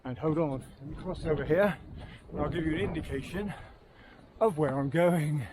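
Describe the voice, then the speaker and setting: A man's voice: a little high, moderate pace, crowd noise, low-quality recording. A man in his fifties, out of breath, chatting casually to camera while hiking up a windy hill on a clip-on mic. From England. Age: 50s. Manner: chatty, rambling asides to viewers. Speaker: wild camping vlogger. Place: outdoors on a windy hillside. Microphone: clip-on wireless mic. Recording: loud wind noise outdoors.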